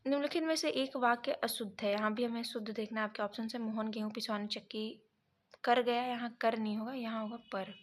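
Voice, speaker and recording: Woman teacher going over test questions step by step, stops now and then to check her notes, voice a bit high. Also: steady tone. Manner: reads options then corrects them step by step; pauses to check notes mid-sentence. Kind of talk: exam prep lesson.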